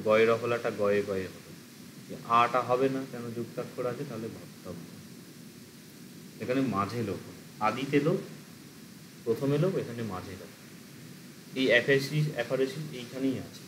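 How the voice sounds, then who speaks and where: A man's voice: mid-range voice, background noise. Man explaining step by step in a lecture. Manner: explains step by step, asks and answers his own questions. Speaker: teacher. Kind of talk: exam-prep lecture.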